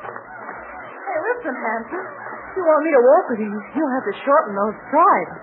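A woman playing a sassy, sharp-tongued adventurer in a 1940s radio serial, brassy, slangy and mocking. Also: sits high, wildly swooping pitch, moderate pace. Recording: tinny, faintly hissy 1940s radio recording.

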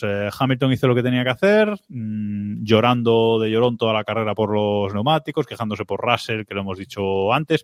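A man's voice: lowish voice, a bit bright, no echo, clean studio sound. A man with a Castilian Spanish accent hosting a motorsport podcast, commenting in a casual, colloquial way.

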